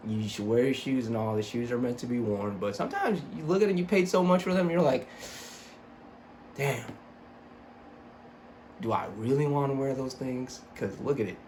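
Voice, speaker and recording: A young adult man with braces, his words slightly slurred, gives a rambling, self-deprecating, sweary sneaker review from a small home room with a computer desk. His medium-pitched, darkish voice moves quickly with hardly any pauses. A little background noise comes through.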